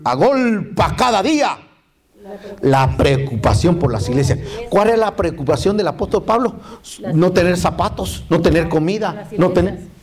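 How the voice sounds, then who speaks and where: A man's voice: high voice, a little mellow. A man preaching a sermon, reading Bible verses aloud and calling on the congregation to repeat after him, often saying "brother" and "look". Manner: calls on the congregation to repeat phrases; keeps saying "hermano" and "mire".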